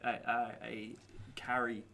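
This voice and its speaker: A man casting a high school esports match, chatty and quick to laugh, tripping over player names now and then. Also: flat delivery, gravelly, bright, forceful tone, slight background noise. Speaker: esports caster. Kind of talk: live esports commentary.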